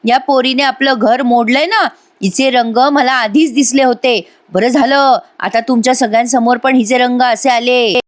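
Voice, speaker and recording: A woman reading out a sharp-tongued scornful young woman. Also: steady tone, normal speed, natural voice. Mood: taunting. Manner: taunting, shrill complaints.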